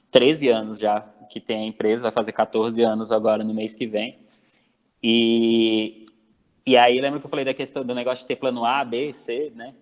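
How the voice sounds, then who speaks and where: Middle-aged guy telling a story, acts out all the quotes, casual chat. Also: mid-range voice. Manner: animated, acts out quoted dialogue. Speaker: guest speaker.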